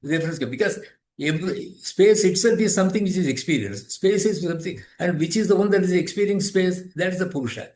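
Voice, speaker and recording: A man's voice: sits high, fast talker, darkish tone, roomy sound. A man in his eighties, a guest explaining philosophy in conversation, thoughtful and often restarting and repeating his phrases. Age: 80s. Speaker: guest, yoga teacher and author.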